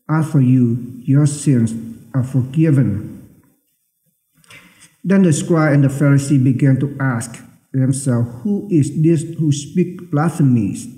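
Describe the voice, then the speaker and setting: A man's voice: medium pitch, warm tone. Man reading under cathedral echo. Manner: measured, careful reading with occasional stumbles. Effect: cathedral-like echo with long church reverb. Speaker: priest. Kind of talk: liturgical Gospel reading at Mass. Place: large church interior. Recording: echoey church with long reverb.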